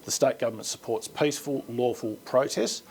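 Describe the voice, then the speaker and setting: A man's voice: mid-range voice, fairly quick, a little hiss or hum. A man speaking for the government in a composed, careful statement. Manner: composed, careful official phrasing. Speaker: government spokesperson. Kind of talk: interview statement.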